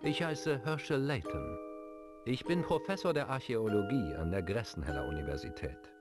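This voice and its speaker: An actor playing a courteous, composed gentleman professor in a video game, polite and thoughtful. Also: lowish voice, animated, normal speed, lightly acted. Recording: loud music under the voice.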